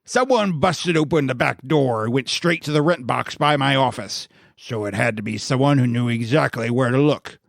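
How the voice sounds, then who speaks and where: A man's voice: medium pitch, normal speed, vocal fry, no room sound, studio quality, voice pushed down, natural voice. A man voicing a furious building manager who accuses the tenants, in a read-aloud mystery story. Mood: angry. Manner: blustering, accusing. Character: furious male building manager, red-faced shouter.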